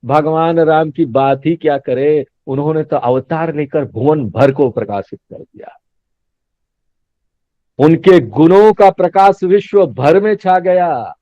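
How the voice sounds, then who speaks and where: This swami speaks slowly in a fairly high, mellow male voice, chatting through a Hindi spiritual discourse, laughing often and putting questions to his listeners. The recording is dry, dull and lo-fi.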